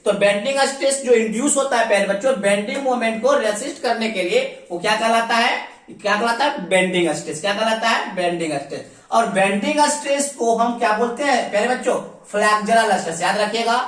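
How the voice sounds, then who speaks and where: Higher-voiced woman teacher in echoey room. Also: fairly quick, hardly any pauses, distant mic. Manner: repeats key terms as questions and answers them herself; often addresses students as dear children. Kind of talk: recorded online class lecture.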